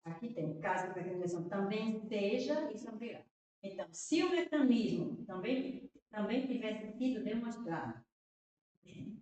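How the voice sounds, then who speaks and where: A woman's voice: mid-range voice, lively intonation, moderate pace, mellow. Brazilian woman teacher in an echoey room. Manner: talks through answers aloud, repeating words and checking with "né?" and "tá vendo?". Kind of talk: exam-solving lesson. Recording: echoey room, voice far from the mic.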